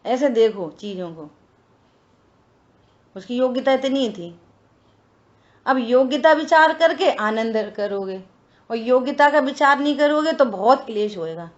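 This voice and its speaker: Woman, scripture study teacher, conversational and teasing, higher voice, muffled lo-fi recording. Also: unhurried, pauses often. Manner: lively, rhetorical questions, teasing. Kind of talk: conversational religious discourse. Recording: dull lo-fi recording.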